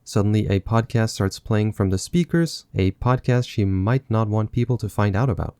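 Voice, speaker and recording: A man's voice: lowish voice, normal speed, mellow, clear, resonant tone, dry recording, clean studio sound. Sardonic man recapping a movie. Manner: sardonic, mocking asides. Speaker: film reviewer. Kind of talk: sarcastic movie recap commentary.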